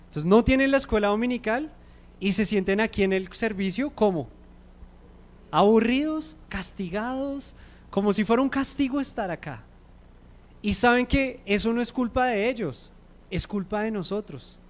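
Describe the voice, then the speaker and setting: A man with a high voice teaches a parents' class at a church service. He keeps asking the congregation questions as he preaches. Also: moderate pace. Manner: asks the audience frequent questions.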